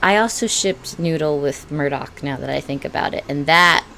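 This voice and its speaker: A woman's voice: sits low, normal speed, vocal fry, bright, forceful tone, a little hiss or hum. A young adult woman rambling through casual commentary, swearing freely and laughing as she talks. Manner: swears freely, laughs often, many fillers. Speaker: video creator.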